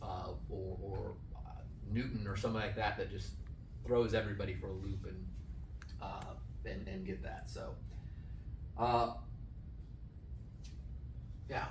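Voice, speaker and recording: A man speaking at a camp class, telling a story in a casual, animated way and often checking in with his listeners. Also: lowish voice, unhurried, long pauses, background noise. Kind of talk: casual lesson talk. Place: room at a camp. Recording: echoey room, mic at a distance, faint ambience.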